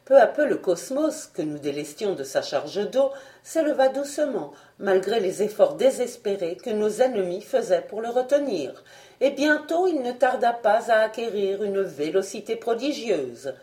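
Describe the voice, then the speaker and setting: Female audiobook narrator, lively and melodic, measured expressive delivery of classic adventure prose. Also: medium pitch. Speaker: audiobook reader. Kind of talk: scripted narration.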